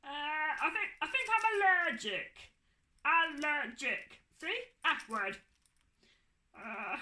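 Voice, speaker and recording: A woman voicing a cheeky, hungry puppet creature boy, talking in a squeaky, silly way. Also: expressive, bright, forceful tone, roomy sound, full character voice. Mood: wary. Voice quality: squeaky, high cartoonish voice. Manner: silly, greedy, quick to sulk.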